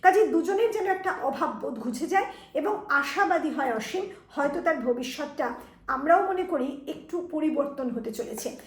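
Woman teacher, high voice, echoey room, revision lesson that speaks to students directly. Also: lively intonation, normal speed. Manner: explanatory, addressing students directly.

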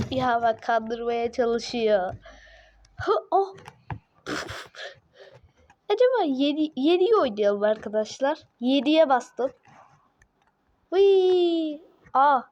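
A woman commentating her own gameplay in a let's play video, exclaiming at each move and venting her frustration out loud. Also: sits high, animated, takes it slowly, long pauses, muffled recording. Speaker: gaming video host.

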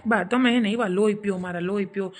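A woman's voice: medium pitch, fairly even intonation, brisk, faint music behind, natural voice. Woman as a whining, put-upon son in a village comedy sketch. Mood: complaining. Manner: complaining, exasperated back-talk. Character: grumbling young married son, put-upon.

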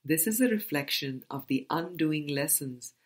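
Her voice sits low yet stays expressive as she reads scripted narration from a spiritual book. This woman, working as an audiobook reader, takes a deliberate approach, leaving pauses between phrases.

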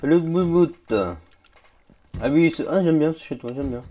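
Over narrow, tinny audio, a man with a slightly high voice takes his time while streaming a game live. Relaxed and talkative, he keeps up loose banter with fellow players and viewers during play.

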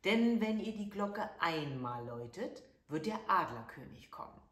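A woman voicing a poor old woman who is secretly a fairy, high-pitched and pleading, in a roomy recording. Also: sing-song, normal speed, a bit bright. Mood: solemn. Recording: echoey room.

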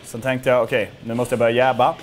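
Animated self-mocking young man. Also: medium pitch, background noise. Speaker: YouTuber reacting to his own fight. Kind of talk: casual reaction commentary. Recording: faint music underneath.

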